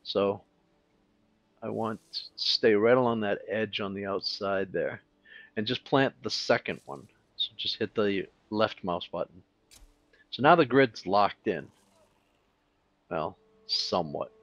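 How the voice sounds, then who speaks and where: A man talking through a game tutorial in a relaxed, casual way, thinking aloud with fillers as he clicks along. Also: fairly low pitch, takes it slowly, long pauses, no echo, dull audio. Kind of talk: casual screen-recorded tutorial.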